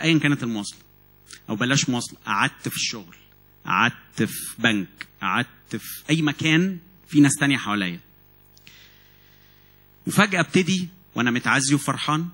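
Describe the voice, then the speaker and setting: A man preaches in Egyptian Arabic, words tumbling out at a fast clip. His voice has a husky edge, and he keeps restarting and repeating words. He sounds animated as he builds his points. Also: mid-range voice. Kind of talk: sermon. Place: church meeting hall.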